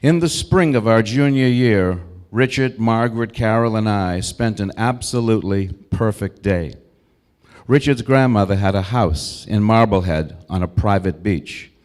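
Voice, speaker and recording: American guy in his 60s reading a eulogy, lowish voice, measured and reflective, short careful phrases. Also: darkish tone. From Brookline, Massachusetts, United States. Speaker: eulogist, old school friend of the deceased. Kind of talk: prepared eulogy speech.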